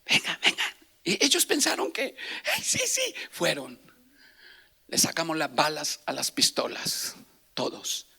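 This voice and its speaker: A middle-aged man preaching a sermon as pastor, moving from hushed whispers to impassioned shouting. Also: medium pitch, gravelly, breathy edge. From Colombia.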